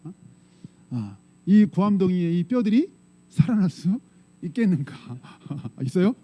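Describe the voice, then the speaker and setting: Higher-pitched pastor preaching in a warm voice. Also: male voice, sing-song, unhurried, dull audio. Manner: conversational preaching, often asks the congregation questions. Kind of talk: sermon. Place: church sanctuary.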